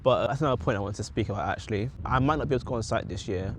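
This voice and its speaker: This casual talking-head vlog features a young British man speaking rapid-fire in a fairly low voice about his goals. He rambles and often revises what he's saying mid-sentence, over noticeable background noise.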